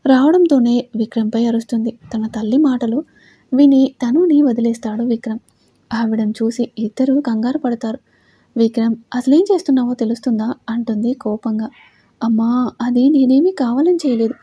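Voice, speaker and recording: A woman reads a scripted family story aloud, her voice pitched a little high but very dark and mellow in tone. She slips into each character's lines with a shift of tone. It is recorded close up and dry. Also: normal speed, breathy edge, no room sound, lo-fi sound.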